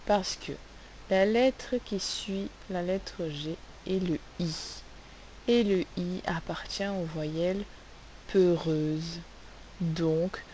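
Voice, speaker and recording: A woman teaching a phonics lesson, sounding out letters and syllables slowly and asking the class questions. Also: fairly low pitch, a little mellow, rough recording. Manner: slow, carefully spelled-out sounds, asks questions. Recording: faint hiss.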